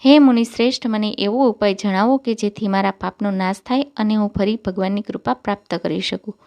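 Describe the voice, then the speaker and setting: A woman's voice: mid-range voice, fairly even intonation, brisk, darkish tone, close to an everyday voice. A woman voicing a repentant cursed male servant who pleads humbly in a devotional storybook tale. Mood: pleading.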